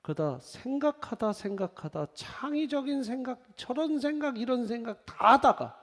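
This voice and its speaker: A man's voice: extremely high pitch, moderate pace. A man in his thirties preaching a sermon as pastor, telling stories and acting out quoted voices. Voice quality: lively storytelling with quoted voices. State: on crutches after leg surgery. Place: church sanctuary. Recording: long hall reverb.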